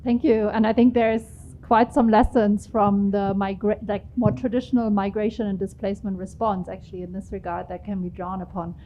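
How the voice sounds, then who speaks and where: A woman moderating a panel session, brisk and friendly as she takes questions. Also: medium pitch, level tone, lo-fi sound, a little hiss or hum.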